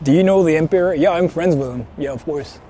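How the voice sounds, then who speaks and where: Speaking fast in a somewhat high voice with a dark tone, a Japanese livestream host talks casually to viewers from his moving car in the city. He uses slangy, colloquial language to explain things, while vehicle and street traffic noise is clearly audible.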